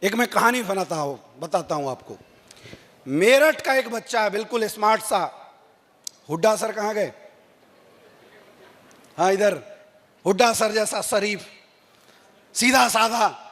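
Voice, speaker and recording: A man's voice: high voice, a little slow, long pauses. A man giving a motivational stage speech, telling a story and acting out its dialogue. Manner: animated storyteller who acts out dialogue. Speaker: motivational speaker. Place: large event hall. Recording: long hall reverb.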